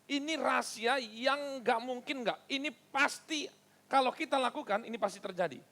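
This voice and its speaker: High, gravelly-voiced pastor preaching. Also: male voice, normal speed. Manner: lively, mixes stern asides with playful teasing of the congregation. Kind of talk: sermon.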